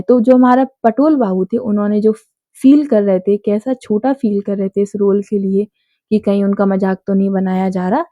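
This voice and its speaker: A woman explaining an English chapter line by line, reading each line slowly and then explaining it in casual Hindi. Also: mid-range voice, mellow, no echo.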